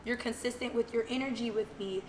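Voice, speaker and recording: A woman's voice: a little high, steady tone, brisk, noisy background. A young woman co-hosting a podcast, talking earnestly and emphatically in casual chat. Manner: earnest, emphatic, thinks aloud with repeats. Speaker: podcast co-host.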